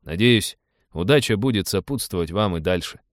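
Мужчина, читающий реплики серьёзного благодарного шахтёра, говорит настойчиво и искренне. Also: male voice, low-pitched, lively intonation, moderate pace, dry recording, studio quality. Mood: earnest. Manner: earnest, insistent.

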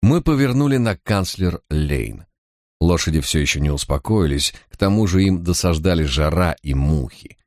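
Deep-voiced man narrating an audiobook. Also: animated, normal speed, darkish tone, no room sound, clean studio sound. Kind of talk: scripted first-person narration.

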